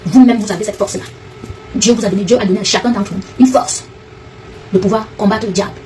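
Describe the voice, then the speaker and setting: Woman ranting super fast at someone, kinda far from the mic, fired up. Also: mid-range voice, a little mellow, faint music behind. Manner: fast, confrontational, addresses a rival directly. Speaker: online commentator. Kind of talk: heated direct-to-camera rant.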